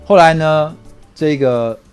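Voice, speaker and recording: A man's voice: on the high side, slow pace, darkish tone, smooth, soft background music. A man with a Taiwanese Mandarin accent giving conversational stock market commentary as an analyst, explaining things with rhetorical questions.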